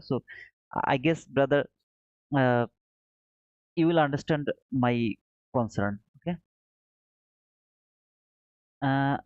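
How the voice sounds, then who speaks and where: Calling his audience brother, a non-English-speaking man from Bangladesh runs a casual trading livestream in an earnest, repetitive manner. He has a medium-pitched voice with no echo, captured in dull, muffled, dry sound.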